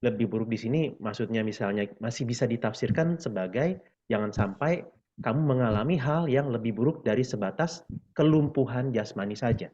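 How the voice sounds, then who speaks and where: A man leading a Bible study, patiently explaining scripture to group members and filling pauses with "eh". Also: mid-range voice, expressive, a little mellow, lo-fi sound. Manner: patient, explanatory, frequent fillers.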